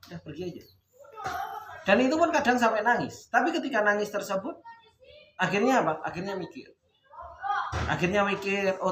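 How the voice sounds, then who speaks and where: A young man teaches in a relaxed, storytelling way, often asking questions and answering them himself. His voice carries a noticeable echo from the room. Steady background noise sits under his speech. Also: sits high. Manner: storytelling with rhetorical questions, Javanese words mixed in. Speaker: religious teacher. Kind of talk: informal religious talk.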